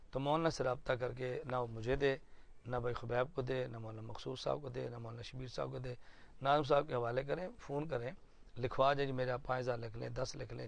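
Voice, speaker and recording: A man addresses a roomful of supporters, his voice carrying a gravelly rasp. He speaks in an earnest, explanatory way and leans on everyday examples to make his points. His pitch sits at an ordinary middle level. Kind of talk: informal address to a planning meeting. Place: indoor meeting room.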